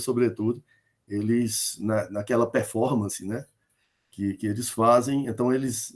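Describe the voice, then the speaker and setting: A male lecturer from Northeast Brazil, with a mid-range voice, teaches an online class about rhyme in folk poetry. He is hesitant, full of fillers and tag questions, and explains through spoken examples.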